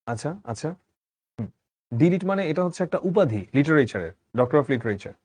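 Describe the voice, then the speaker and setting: A man's voice: on the high side, sing-song, a little fast, a little mellow, no room sound. A man teaching an online class, explaining a text line by line and asking his students questions.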